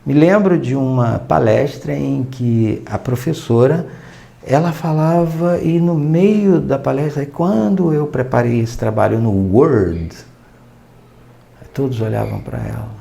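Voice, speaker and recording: A Brazilian man teaching a recorded lesson, his voice dark and mellow with a gravelly edge. He explains patiently, stopping to act out little quoted dialogues as examples. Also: mid-range voice, unhurried. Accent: Brazilian Portuguese. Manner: explanatory, quoting and acting out small dialogues.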